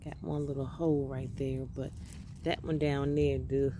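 A woman giving a casual walk-through of her container garden, upbeat and grateful, chatting with pauses and fillers as she films on a phone held close. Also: extremely low pitch, level tone, noisy background. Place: outdoor container garden on gravel. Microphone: phone camera held close while filming plants.

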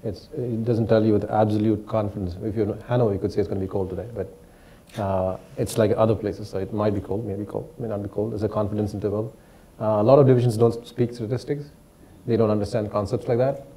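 A man in his thirties speaking as a panelist in a lecture hall on a lapel mic, measured and explanatory. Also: fairly low pitch, fairly even intonation, warm tone. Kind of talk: panel discussion.

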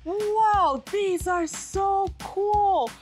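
A woman hosting a children's educational show, gasping with wide-eyed excitement as she asks questions. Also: very high-pitched, extremely slow, soft background music. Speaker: kids' show host. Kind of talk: bubbly children's educational presenting.

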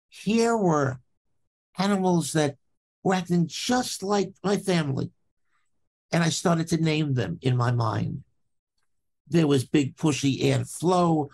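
An older man from Brooklyn, a professor telling a story from his childhood in a podcast interview, slow and deliberate with dramatic pauses. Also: medium pitch, darkish tone. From Brooklyn, New York. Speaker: anatomy professor, guest.

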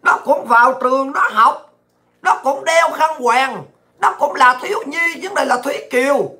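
A woman's voice: sits high, a little slow. Ranting woman vlogger. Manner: ranting, abusive, often shouting. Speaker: political vlogger. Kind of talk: angry political commentary.

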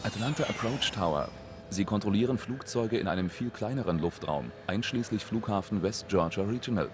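Deep-voiced man narrating a documentary. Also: noisy background. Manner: measured and serious. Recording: voice-over with music behind.

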